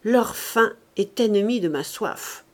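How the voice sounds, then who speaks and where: A woman's voice: mid-range voice, animated, slow. A woman reading aloud, voicing a gaunt male gravedigger who speaks in a pompous, authoritative, sententious way.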